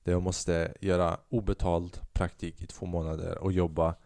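A man's voice: low-pitched, flat delivery, gravelly, warm tone, dry recording. A man in his twenties hosting a solo podcast, rambling restlessly, swearing often and mixing in English phrases. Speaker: podcast host. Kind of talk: casual solo monologue.

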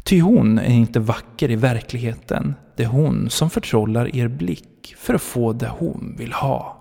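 A man's voice: medium pitch, creaky, warm tone, in a large hall. A man voicing a mother's remembered warning in a solemn, cautionary tone. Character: grave warning mother recalled.

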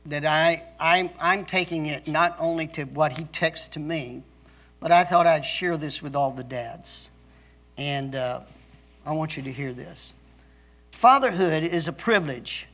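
A middle-aged man preaching a sermon as pastor, emphatic, with pauses and restarts. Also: a little high, fairly bright tone.

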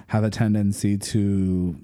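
A man's voice: lowish voice, flat delivery, unhurried, warm tone, dry recording. A man with a Miami accent co-hosting a casual podcast, reflective and colloquial, peppering his talk with 'like'. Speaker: podcast co-host.

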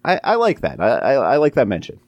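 A man's voice: medium pitch, huge pitch swings, a little fast, a little mellow, no room sound, muffled recording. A man co-hosting a podcast in casual chat, leading the talk with curious questions. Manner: inquisitive, leads the discussion with questions. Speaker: podcast co-host.

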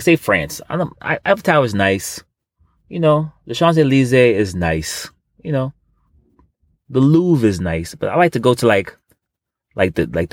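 A man with a mid-range voice co-hosts a podcast in casual comedic chat, rambling and repeating himself with boastful, street-casual phrasing. The studio-quality recording has no echo.

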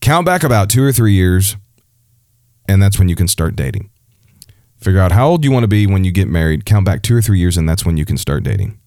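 A man's voice: low voice, very animated, brisk, mellow, no echo, studio quality. A man giving earnest dating advice from a church perspective in a casual, conversational way, with frequent fillers and restarts. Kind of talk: casual religious advice talk.

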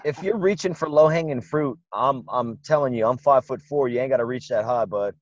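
A man's voice: mid-range voice, a little fast, lo-fi sound. A man co-hosting a podcast in casual, enthusiastic chat. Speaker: podcast co-host.

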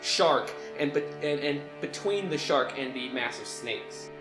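Low-voiced woman as game master. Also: expressive. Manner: descriptive, halting as she improvises. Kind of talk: improvised tabletop game narration. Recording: roomy sound with music behind.

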